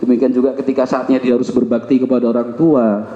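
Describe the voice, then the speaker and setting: A man's voice: mid-range voice, flat delivery, fast talker. Man preaching in an echoey hall. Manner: conversational, acts out household dialogue, asks the crowd "ya kan?". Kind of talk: Islamic sermon to a congregation. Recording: echoey hall, dull lo-fi sound.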